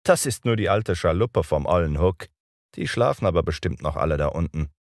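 A man's voice: sits low, expressive, a little fast, no room sound, clean studio sound. A man voicing Peter, a cocky, bossy boy, in a raised boyish voice in an audiobook. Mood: scornful.

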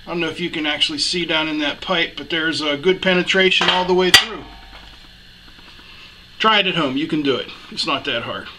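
A man's voice: on the high side, a little fast. A man hosting a welding lesson, talking folksy and jokey as he demonstrates in a workshop. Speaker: welding instructor, show host. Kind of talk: casual hands-on demonstration. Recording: loud background shop noise.

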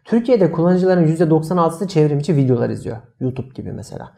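A man co-hosting a casual marketing podcast, talking in an animated, emphatic way. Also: fairly high pitch, fast, creaky. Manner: animated, emphatic, addresses co-host by name. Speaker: podcast co-host.

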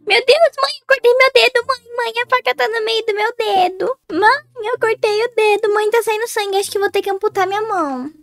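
A woman's voice: on the high side, fairly quick, darkish tone, faint music behind, natural voice. A young woman voicing a mischievous twin girl in a Roblox roleplay story, playful and giggly, with exaggerated fake panic.

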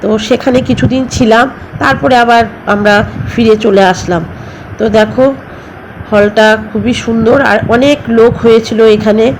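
This family vlog is narrated by a middle-aged woman whose voice is slightly high and steady at a normal speed. She rambles in a chatty way and often resumes with filler words, over a noisy home recording with passing vehicles.

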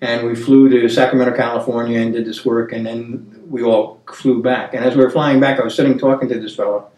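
A man in his seventies hosting a casual Bible discussion, earnest and storytelling, with halting restarts. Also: medium pitch, little pitch movement, a little mellow. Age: 70s. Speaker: Bible study host. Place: dining room table, indoors. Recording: roomy, distant mic.

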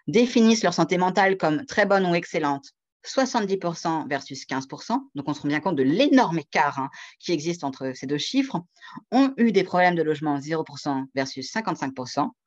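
Hesitant man presenting over a video call. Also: a little high. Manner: measured, hesitant delivery with frequent pauses. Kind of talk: online conference presentation. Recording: dull lo-fi video call audio.

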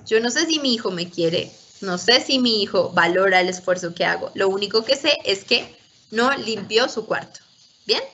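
A woman lectures parents in a workshop, her voice bright and forward. She explains step by step and keeps checking that her listeners follow. The recording is dull and lo-fi. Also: medium pitch, expressive, normal speed, slight background noise. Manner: instructive, often checks in with listeners.

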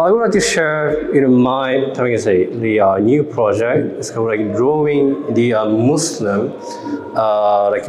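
A man in his thirties from Japan, with a Japanese accent, giving a casual, halting talk to a young audience with many fillers and questions. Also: mid-range voice, a little mellow. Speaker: lecturer and festival speaker. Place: large hall, indoors. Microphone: stand microphone. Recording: roomy hall echo.

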